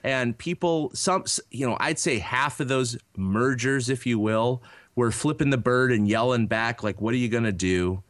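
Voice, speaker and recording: A man's voice: medium pitch, measured pace, a bit bright, no echo, clean studio sound. A man in his thirties co-hosting a podcast, telling a rambling story in a casual chat, full of fillers and restarts. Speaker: podcast co-host.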